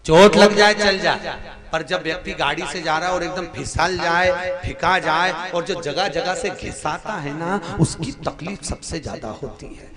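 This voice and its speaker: A man from India telling a devotional story as a sermon, animated and emphatic, often laughing as he speaks. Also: a little high, normal speed, crowd noise.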